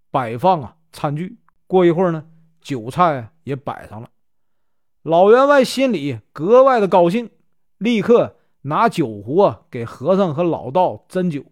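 A man with a Northeastern Mandarin accent narrating a traditional tale, chatty with filler particles between phrases. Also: on the high side. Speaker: storyteller.

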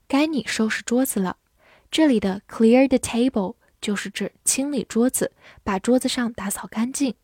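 A woman teaches English words at a very slow, careful pace. Her voice sits a little high, and the recording is dry and close, with no room sound. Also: a little mellow, no echo. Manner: clear, deliberate, spells words letter by letter. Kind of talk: slow scripted vocabulary lesson.

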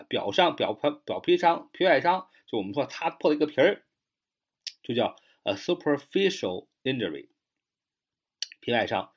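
A man with a slightly husky voice gives an English vocabulary lesson, his pitch rising and falling in lively swings. He spells words out letter by letter and reads the English example sentences slowly, with a drawn-out "ah" between phrases. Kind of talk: explanatory lesson.

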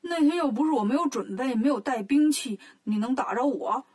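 A woman's voice: sits high, animated, a little fast, darkish tone, breathy edge. A woman voicing a boastful, threatening male fish demon king in a children's story.

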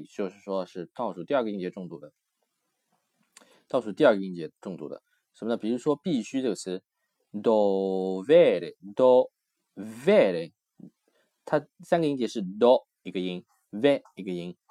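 A man explaining a textbook lesson as a language teacher, in a loose, conversational way with many fillers, slowly repeating words to drill pronunciation. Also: lowish voice, darkish tone, no echo, studio quality.

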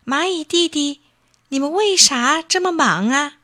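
A woman voicing a small, eager young male rabbit in a children's story, asking questions in a high, chirpy voice. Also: lively intonation, a little slow, bright, forceful tone, exaggerated voice. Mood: curious.

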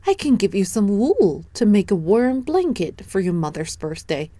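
A helpful sheep speaking softly and slowly in a storybook, read by a woman. The voice is warm and mellow with a dry, close sound. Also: mid-range voice, big pitch swings, dry recording. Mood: friendly.

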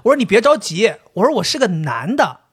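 A man's voice: sits high, very animated, fairly quick, fairly bright tone, husky. A man, co-hosting a casual chat, acting out dialogue with lots of laughs and swearing. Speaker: podcast co-host.

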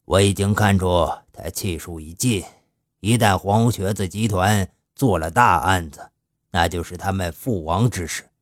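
A male storyteller voicing a shrewd older gang leader who speaks slowly and with fatherly authority. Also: sits low, no echo, clean studio sound. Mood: advising. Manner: slow, measured, fatherly.

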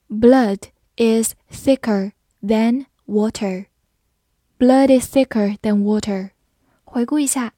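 A woman teaching English vocabulary in a slow, careful way, spelling out words letter by letter and repeating them. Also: fairly high pitch, dark tone, dry recording, studio quality. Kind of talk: vocabulary lesson.

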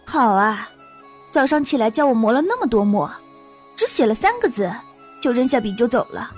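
A cheeky young maidservant girl, voiced by a man in a children's story reading. Her voice is very high and bouncy as she chides playfully. Light music sits faintly behind her. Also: very animated, moderate pace, slightly rough, full character voice. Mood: chiding. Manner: chiding, playful.

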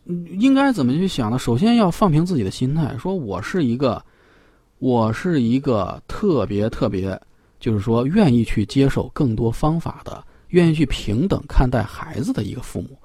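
A man's voice: medium pitch, big pitch swings, moderate pace, warm tone, husky, dry recording, studio quality. A man speaking as a parenting expert on a radio talk show, explaining at length with many fillers and repeated phrases.

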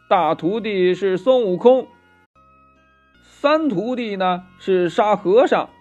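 A small, nervous demon minion chatters a frightened tale in a children's storybook, with a male narrator doing the voice. It sits high and quick-tongued over faint music. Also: lo-fi sound.

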